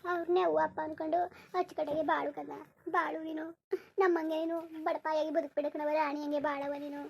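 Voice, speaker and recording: A woman's voice: sits high, level tone, fairly quick, gravelly, slight background noise. A woman voicing a tender, reassuring village mother in a cartoon, coaxing. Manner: soothing, coaxing, repeats endearments. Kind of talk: cartoon voice acting.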